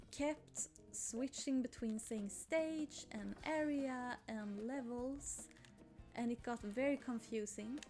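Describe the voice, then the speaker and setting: On the high side and a little mellow, her voice carries a Swedish accent as she plays through a game on YouTube. This young woman from Sweden rambles casually, keeps apologizing and squeals at cute things, while faint game music plays in the background.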